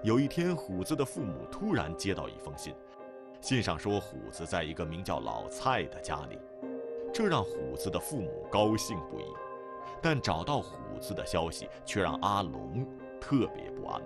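低沉沙哑的男声旁白配乐. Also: male voice, sits low, huge pitch swings, normal speed, vocal fry. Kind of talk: documentary voice-over narration. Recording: voice-over with music behind.

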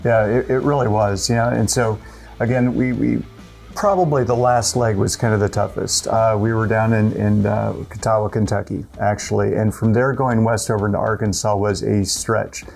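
A man's voice: lowish voice, steady tone, moderate pace, creaky, a little mellow, soft background music. A middle-aged man in a studio chatting in an easygoing, self-deprecating way. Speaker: co-host. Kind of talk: casual studio conversation. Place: indoor studio with a car.

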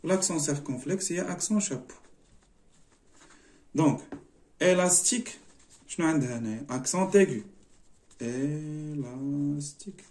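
A middle-aged man with a Moroccan accent teaches a French spelling exercise, moving between languages and saying each word slowly twice. His voice is mellow and relaxed but pitched a touch high for a man. He explains each step patiently, like a classroom teacher. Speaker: primary school teacher. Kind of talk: French lesson walkthrough mixing Moroccan Arabic and French.

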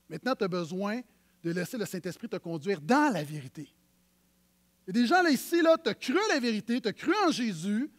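A man with a Quebec French accent preaching a sermon as pastor, conversational and animated, swinging between loud emphasis and hushed asides. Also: high voice.

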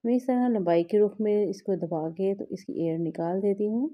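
At a moderate pace and medium pitch, a woman patiently explains a recipe on her cooking vlog, one step at a time. She works with her hands at a home kitchen counter, and the recording is muffled.

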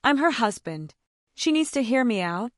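A woman voicing a desperate estranged husband in a narrated story, sharp and pleading. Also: fairly high pitch, big pitch swings, moderate pace, no echo, clean studio sound. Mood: angry.

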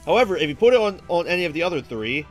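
A man commentates casually on a game he is playing. His voice is a little high and lively in pitch, with faint game music behind. He thinks aloud, a bit hesitantly. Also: rapid-fire. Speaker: let's play host.

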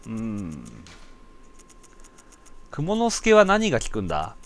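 Excitable man yelling through a game. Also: fairly low pitch, slow pace. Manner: excitable, yells and stammers in panic, rough casual speech. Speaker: gameplay commentator. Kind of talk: casual let's-play commentary.

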